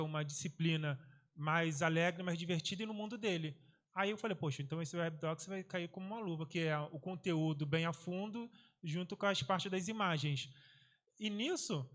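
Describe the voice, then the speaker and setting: A man's voice: high voice, fairly bright tone. A man teacher speaking in an interview, thinking aloud about his teaching and quoting his pupils. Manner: talkative, reflective, quotes pupils. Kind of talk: interview, casual recollection.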